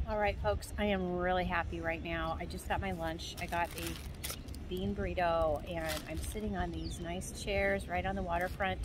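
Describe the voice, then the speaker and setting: A woman's voice: on the low side, fairly even intonation, normal speed. A middle-aged woman gives upbeat, chatty walking-tour commentary as a travel vlogger, outdoors on a city waterfront with a camera held at arm's length. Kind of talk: casual walking-tour narration. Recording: loud street noise outdoors.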